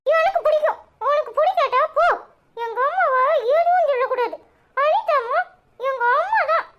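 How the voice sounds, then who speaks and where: Young cartoon boy, extremely high and piping, Tirunelveli accent, defiant, loyal. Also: lively intonation, normal speed, highs cut off. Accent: Tirunelveli Tamil. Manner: defiant, cries and pleads by turns. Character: spirited young boy, fiercely loyal to his mother. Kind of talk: cartoon voice acting.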